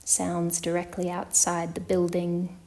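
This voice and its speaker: Her voice slightly low and her tone flat and steady, a woman talks listeners through yoga nidra. As meditation teachers do, she offers calm, measured guidance and pauses at length between phrases.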